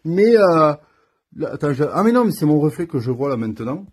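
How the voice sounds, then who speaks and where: A man's voice: fairly high pitch, very animated, a little fast, a little mellow, breathy edge. A man filming himself on his phone in his home workshop, chatting casually to the viewer as he works on a scooter and thinks aloud. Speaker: scooter mechanic vlogger. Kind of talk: casual how-to vlog.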